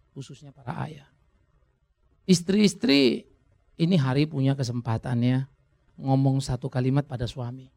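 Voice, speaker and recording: A man's voice: fairly high pitch, vocal fry, dark tone. A male pastor preaching a sermon, earnest and exhorting, talking directly and conversationally to his congregation.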